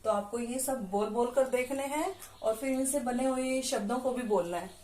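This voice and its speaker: The voice is a little high and a little mellow, at a normal speed, with a roomy sound and slight background noise. A woman is teaching primary schoolers, patiently drawing out syllables and asking them questions.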